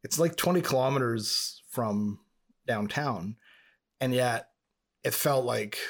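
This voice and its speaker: A man's voice: medium pitch, slow. A man from Montreal, Canada, co-hosting a casual podcast chat and rambling through stories. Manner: chatty, rambling storyteller. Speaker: podcast co-host.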